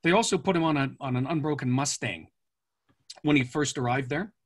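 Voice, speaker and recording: A man with a husky, slightly rough voice spins long, rambling anecdotes as an interview guest. He pauses often with "uh" and "um" and restarts his sentences, but keeps a relaxed storytelling flow at an ordinary pitch. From born in France, raised in Canada. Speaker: author guest.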